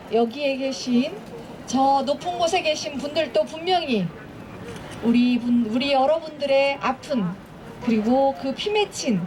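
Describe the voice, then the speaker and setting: Woman, religious activist, solemn, prayerful, outdoor rally, high pitch. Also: noisy background. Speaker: representative of a religious environmental group. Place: outdoors at a street protest.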